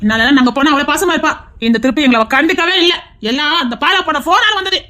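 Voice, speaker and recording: A woman's voice: sits high, quick pace, pushed and bright. A woman playing a defensive, apologetic teenage grandson with a Tirunelveli Tamil accent. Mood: pleading. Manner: hesitant, pleading excuses.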